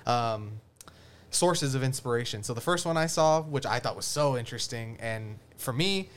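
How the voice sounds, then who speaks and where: A man in casual podcast conversation, loose and easygoing, talking about films. His voice sits at an ordinary middle pitch and wanders a bit between thoughts, trailing off now and then. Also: normal speed. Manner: relaxed, rambling with fillers. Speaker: podcast host. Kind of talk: casual film discussion.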